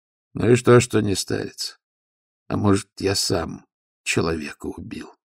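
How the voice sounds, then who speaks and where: A man voicing a gruff, sharp-tongued monastery stoker who scolds and mocks. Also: deep voice, measured pace, no room sound, studio quality, exaggerated voice. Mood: brooding. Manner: rough, scolding, mocking.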